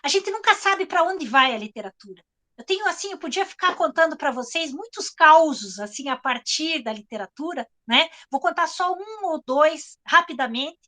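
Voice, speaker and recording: A woman's voice: sits high, animated, moderate pace, sharp tone. A woman writer with a Brazilian accent telling anecdotes to an audience in a chatty way, often checking in with tag questions. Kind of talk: storytelling talk to an audience.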